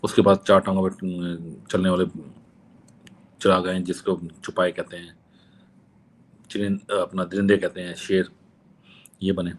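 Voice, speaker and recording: A man's voice: fairly low pitch, husky. A man with a sore throat, arguing a point in a questioning, challenging monologue that keeps returning to the same question. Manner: questioning, challenging, repeats himself. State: hoarse with a sore throat, clearing throat. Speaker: commentator rebutting atheists. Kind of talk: argumentative monologue.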